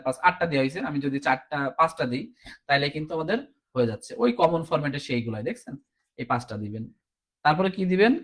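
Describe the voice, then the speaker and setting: A man teaching a recorded exam-prep class, explaining step by step and often asking "ঠিক আছে?", sounding tired. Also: on the high side. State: tired, low on energy.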